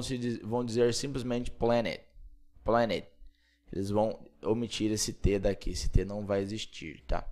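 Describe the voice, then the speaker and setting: A man from Brazil teaching English pronunciation, repeating each word slowly and checking in with playful asides. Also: on the low side. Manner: repeats words slowly and clearly, asks "beleza?" often. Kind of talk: Portuguese-spoken English pronunciation lesson.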